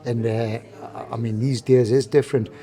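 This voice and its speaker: A man's voice: medium pitch, steady tone, moderate pace, dark tone. A man from North East England with a Geordie accent, interviewing casually with rambling, roundabout questions.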